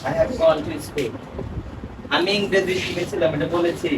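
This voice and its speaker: A man with a high voice teaches a spoken grammar lesson, quizzing his student and repeating each answer back. He sounds distant in an echoey room. Loud traffic noise runs underneath. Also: steady tone, unhurried. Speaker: English teacher. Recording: echoey room from far off, noisy.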